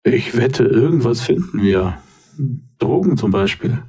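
A man voicing a menacing male gangster boss who threatens calmly. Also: mid-range voice, unhurried. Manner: calm, intimidating.

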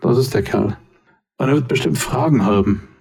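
A man voicing a menacing male gangster boss who threatens calmly. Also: mid-range voice, normal speed, creaky. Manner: calm, intimidating.

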